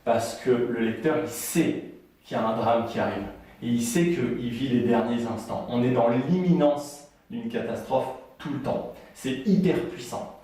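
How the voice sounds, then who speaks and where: A man's voice: medium pitch, a little slow, dark tone. Man, writing coach, casual chatty lesson, very echoey room, distant mic. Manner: chatty, frequent fillers and restarts.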